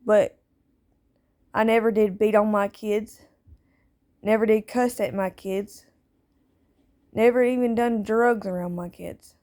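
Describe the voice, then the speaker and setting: A woman's voice: mid-range voice, fairly even intonation, takes it slowly, pauses often, warm tone. A woman speaking out as a parent in a personal monologue, plaintive and aggrieved, repeating herself with nonstandard grammar. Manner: plaintive, aggrieved, repetitive phrasing.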